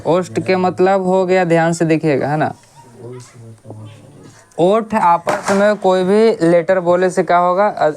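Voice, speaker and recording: A coaching teacher gives a casual grammar lesson. They ask questions, answer them themselves, and repeat sounds slowly to show them. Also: medium pitch, darkish tone.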